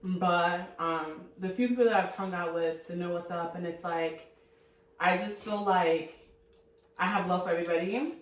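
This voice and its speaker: A woman's voice: on the low side, fairly even intonation, normal speed. Young woman, co-host, casual panel talk, emphatic advice-giver, distant mic in a roomy space. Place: indoor room, filmed with a mukbang spread. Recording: echoey room from far off.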